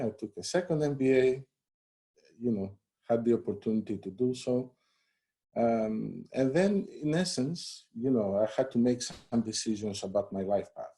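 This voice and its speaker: Relaxed conversational man from Greece. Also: medium pitch. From Greece and the United States. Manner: relaxed and conversational, frequent "you know" fillers and repeats. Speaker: head of human resources, interview guest. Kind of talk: live-streamed interview.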